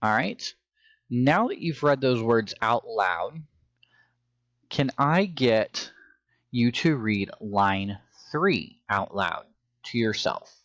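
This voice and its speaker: A man's voice: mid-range voice, sing-song, slow pace, a bit bright, no echo. A man teaching a phonics and reading lesson to young children, with patient, encouraging instructions.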